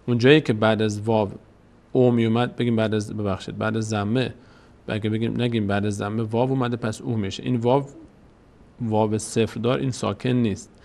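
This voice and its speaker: A man teaching Quran reading step by step. He patiently repeats each point and slowly draws out the recited verses to demonstrate them. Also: fairly low pitch, flat delivery, gravelly, darkish tone.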